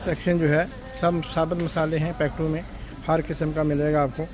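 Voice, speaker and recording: A man with a slightly high voice walks the aisles of a supermarket, chatting casually into a handheld phone. He rattles off prices in a friendly, polite way. Store noise is clearly audible behind him. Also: flat delivery, brisk. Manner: chatty, lists prices, says "ji" and "janab". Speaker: vlogger. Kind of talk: casual shopping vlog walkthrough. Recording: noisy shop background.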